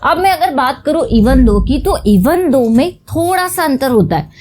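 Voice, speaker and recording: A fairly high-voiced woman leads a bilingual grammar lesson. Her pitch swings widely as she explains, and she reads each English example slowly, word by word. She often pauses to check that her listeners are following. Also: very animated, a little mellow, slight background noise. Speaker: English teacher.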